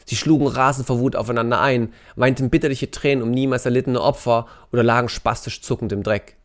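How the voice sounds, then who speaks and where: A man reading a novel excerpt aloud in an intense, expressive storytelling manner. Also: medium pitch, fast. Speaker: narrator. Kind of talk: dramatic audiobook reading.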